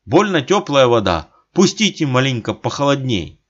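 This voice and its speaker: A man voicing a thin, ragged ex-soldier who speaks hoarsely and wheezes, in a dull lo-fi recording. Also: mid-range voice, sing-song, moderate pace, voice pushed up. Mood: boastful.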